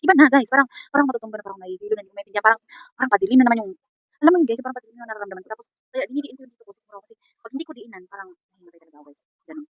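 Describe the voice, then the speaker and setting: Fast, chatty woman vlogger. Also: fairly high pitch, dry recording. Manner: rambling, chatty, keeps saying "guys". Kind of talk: casual storytelling vlog. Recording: dull lo-fi sound.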